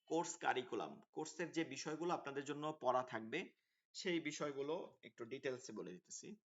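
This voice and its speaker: A man's voice: mid-range voice, expressive, fairly quick. Hesitant male teacher on a dull call. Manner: explanatory, hesitant with many fillers. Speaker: online Quran course teacher. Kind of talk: online class orientation talk. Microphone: online video call.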